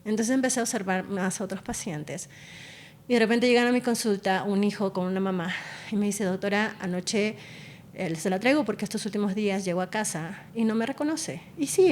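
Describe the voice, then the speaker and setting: Speaking fairly quickly in a mid-range, darkish voice, a woman neurologist explains things and shares expressive stories about her patients. It's a conversational interview where she is the guest, with slight background noise.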